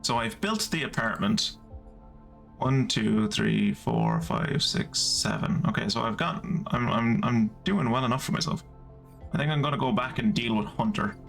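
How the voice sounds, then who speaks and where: A man's voice: mid-range voice, big pitch swings, gravelly, a bit bright, faint music behind. A man streaming a story game, chatting casually and reading the game's narration aloud. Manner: casual, thinks aloud, reads narration slowly.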